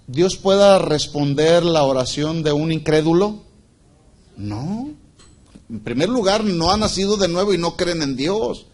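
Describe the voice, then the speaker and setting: A male pastor preaching a Bible-study sermon, explaining word meanings and asking the congregation questions. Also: a little high.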